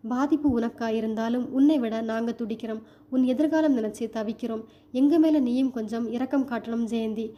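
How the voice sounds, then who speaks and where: A woman's voice: a little high, normal speed, dull audio, natural voice. A woman voicing a worried mother who talks in a firm, coaxing way.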